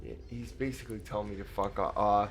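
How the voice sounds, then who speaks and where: A man's voice: fairly low pitch, fairly even intonation, quick pace, husky, soft background music. A man playing a tabletop game, cracking crude jokes in character. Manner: crude joking. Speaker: player. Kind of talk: casual tabletop role-play.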